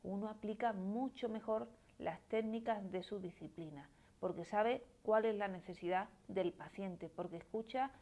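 A woman's voice: medium pitch, normal speed, hardly any pauses, dark tone. Andalusian woman psychoanalyst explaining on a live stream. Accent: Spanish from Málaga. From Spain. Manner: explanatory, tags phrases with questioning "¿no?". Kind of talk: live-streamed talk answering viewer comments.

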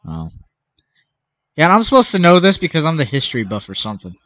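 A man's voice: fairly high pitch, huge pitch swings, quick pace, a bit bright, no echo. Young man teasing, dry close sound. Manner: dry teasing remarks, cheers the play. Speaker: co-host friend. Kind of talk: casual gameplay chat.

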